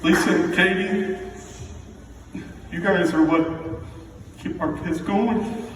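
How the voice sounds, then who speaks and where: A man's voice: high-pitched, steady tone, slow pace. Echoey, middle-aged father of the bride speech. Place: large reverberant indoor reception room with background noise. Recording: echoey noisy hall, picked up from far off.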